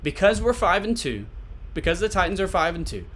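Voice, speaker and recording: A man's voice: sits high, big pitch swings, a little fast, fairly bright tone, a little hiss or hum. A man giving casual solo sports commentary as a podcast host, conversational and repeating points for emphasis. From Tennessee, USA.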